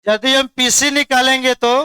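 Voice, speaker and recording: Loud high-voiced chemistry teacher. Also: male voice, fairly even intonation, normal speed, clean tone, dry recording. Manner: loud, questioning the class, mixing English terms. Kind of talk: classroom lecture.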